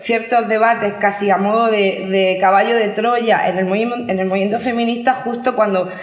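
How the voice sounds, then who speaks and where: A woman's voice: mid-range voice, steady tone, brisk. A woman from Murcia giving a talk at a conference, speaking with many restarts and fillers. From Murcia, Spain. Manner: hesitant restarts, filler-heavy, engaged. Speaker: invited speaker. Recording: echoey hall.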